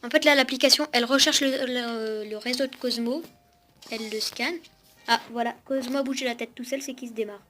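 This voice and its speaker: A young woman speaks briskly in a slightly high voice with fairly even intonation. Sitting at home with a cat on her lap, she casually demos a toy robot, chatting with it and her viewers, in a noisy home recording.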